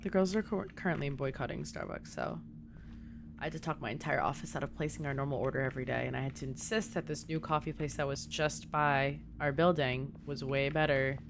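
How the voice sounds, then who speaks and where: A young woman livestreams a game with casual, chatty commentary, rambling through conversational asides. Her bass voice moves a little fast over music, and background noise is clearly audible.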